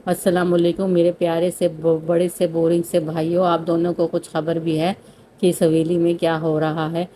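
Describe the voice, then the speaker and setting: A woman voicing a cheeky young woman who teases her brothers in a mellow, even voice. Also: on the low side, slight background noise, lightly acted. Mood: teasing. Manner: teasing, playful.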